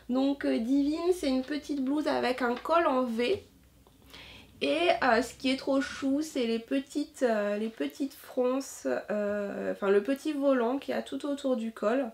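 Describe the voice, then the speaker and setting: A woman with a fairly high voice talks casually as a sewing vlogger. She is chatty and enthusiastic, often pausing on fillers and restarting her sentences. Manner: hesitant, many filler sounds and restarts. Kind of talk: casual chat.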